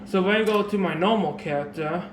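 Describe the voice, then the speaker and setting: Explaining a game trick, a gaming video creator sounds slightly raspy from a sore, dry throat, his voice sitting high and moving a little fast. His casual tutorial commentary rambles, full of fillers and restarts. The camera mic captures an echoey room with background noise.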